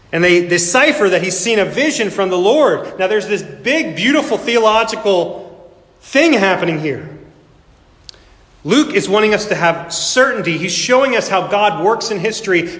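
A male pastor preaches emphatically, pausing for drama and swinging between hushed and raised delivery. His voice sits slightly high, with a long reverb that fills the sanctuary. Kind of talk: sermon. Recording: echoey hall with long reverb.

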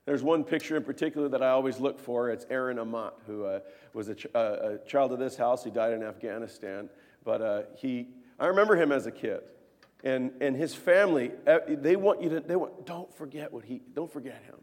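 A man in his thirties preaching a sermon as pastor, earnest, moving between hushed tones and emphatic peaks. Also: mid-range voice, fairly quick. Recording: long reverb of a church hall.

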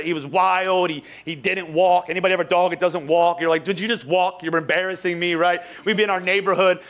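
A man's voice: high-pitched, a bit bright. A young male pastor telling a joking, sarcastic story during his sermon, with many restarts and asides to the congregation. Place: church sanctuary.

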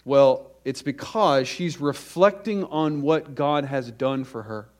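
Man, pastor, sermon, pulpit microphone, mid-range voice, slow stressed word lists. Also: medium pitch.

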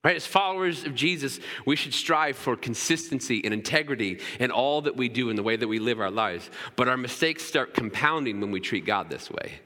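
Speaking in a mid-range voice with lively intonation and a sharp tone, a thirty-something pastor moves fairly quickly through his sermon with hardly any pauses. He keeps it casual and conversational, often asking "right?", and the church sanctuary adds a long hall reverb.

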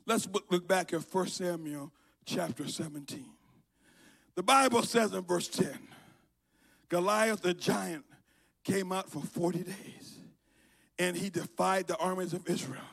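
A middle-aged pastor from Liberia preaching a sermon, dropping to quiet storytelling and rising to shouted calls. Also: male voice, sits high, measured pace, gravelly, pauses often. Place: church sanctuary.

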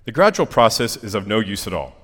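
A man voicing a stern burning angel, speaking in terse, measured, absolute statements. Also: on the low side, big pitch swings, fairly bright tone, in a large hall. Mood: calm insistence. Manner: terse, solemn, measured, insistent.

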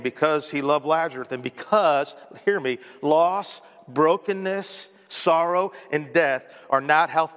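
Man, pastor, sermon, earnest, fairly high voice, loud emphasis and soft drops, reverberant sanctuary. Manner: earnest preaching, swells loud on key points, drops soft on grief. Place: church sanctuary.

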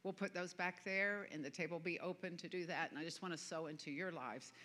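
Preaching as a guest minister in a church sanctuary, a woman from the American South speaks quickly in a lowish, pushed, bright voice with fairly even intonation. Her accent is Southern. The sermon is chatty and self-deprecating, with frequent laughter.

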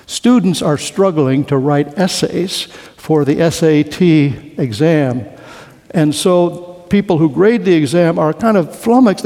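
Mellow-voiced man lecturing in a reverberant hall. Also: fairly high pitch. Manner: deliberate, slows to a hush for key lines. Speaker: historian lecturer. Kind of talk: storytelling lecture.

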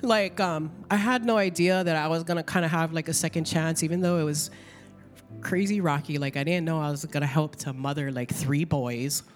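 A woman's voice: low-pitched, a little fast, long reverb tail, soft background music. Emotional woman sharing her testimony. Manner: emotional, chatty, lots of "like". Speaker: church member giving a testimony. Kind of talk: Easter testimony at church.

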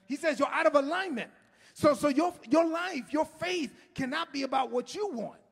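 A middle-aged man preaching an impassioned sermon as a pastor, often shouting and stretching his words, recorded in a church sanctuary. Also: very high voice, normal speed, creaky. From United States. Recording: long hall reverb.

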